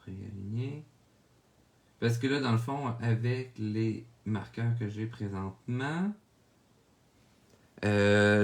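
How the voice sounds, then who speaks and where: A man with a Québécois French accent talks through a drawing tutorial in a lowish voice. He takes his time and walks through each step calmly, often checking in with the viewer. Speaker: drawing instructor.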